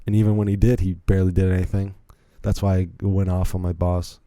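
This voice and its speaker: A young American man from Virginia hosts a solo podcast, chatting his way through a story in a low, deeply mellow voice. His delivery is flat and fairly quick, and he rambles and cuts himself off with asides. The sound is dry and close, with no echo or room around it.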